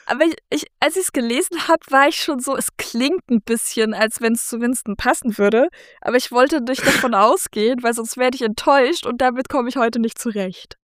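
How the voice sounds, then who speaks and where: A woman co-host with a smooth, fairly high voice chats playfully and teases her partner. She often restarts her sentences. The sound is dry and close. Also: moderate pace, no echo. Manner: playful, teasing, hesitant restarts. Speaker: podcast co-host. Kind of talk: casual chat.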